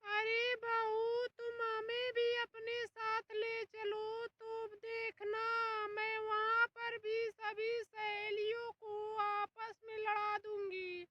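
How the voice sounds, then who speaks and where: A woman voicing a quarrelsome old mother-in-law who loves to stir up fights, calling out in a drawn-out wail. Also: very high-pitched, monotone, distant mic, dull audio, heavily acted. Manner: wailing, drawn-out shouting. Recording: loud background noise.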